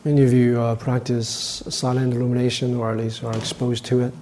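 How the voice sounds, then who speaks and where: A man from Taiwan, a meditation teacher giving a dharma talk to a retreat group. He speaks haltingly, with many fillers. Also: mid-range voice, little pitch movement, dark tone, slight background noise.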